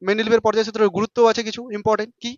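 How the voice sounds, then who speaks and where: A male teacher giving a class lesson, talking informally and firing quick questions at his students. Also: high-pitched, little pitch movement, a little mellow, no room sound, muffled recording.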